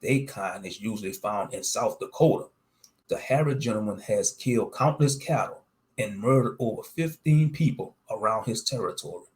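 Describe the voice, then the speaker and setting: A man's voice: on the low side, normal speed, rough recording. Man narrating a scripted monster story.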